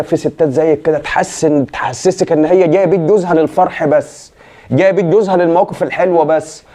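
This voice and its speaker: A man's voice: a little high, warm tone. A man with an Egyptian Arabic accent who pleads, scolds and preaches in a comedy sketch and speaks straight to viewers.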